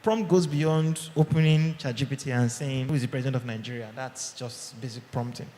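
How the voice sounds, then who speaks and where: This tech conference speaker has a mid-range, dark-toned voice that stays steady while moving a little fast. He addresses a live audience conversationally and frequently asks "okay?" His handheld or podium mic picks him up in a big, echoey hall with long reverb.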